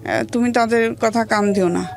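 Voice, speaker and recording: A Bangladeshi woman with a Bangladeshi accent tells her life story as an interview guest, speaking plainly and haltingly in colloquial language. Her voice is a little high and darkish, with some vocal fry.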